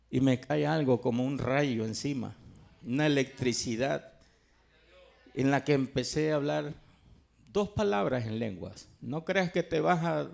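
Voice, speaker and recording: Fervent, gravelly man's testimony. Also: fairly high pitch, darkish tone. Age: middle-aged. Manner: earnest, fervent, pauses and restarts. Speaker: church member giving testimony. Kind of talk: personal church testimony.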